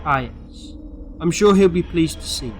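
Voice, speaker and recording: A man's voice: on the high side, expressive, normal speed, slight background noise, lightly acted. A man playing an eccentric, clever alien time-traveller in a sci-fi audio drama, theatrical, playful and sure of himself. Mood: brisk, reassuring. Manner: theatrical, playful, self-assured.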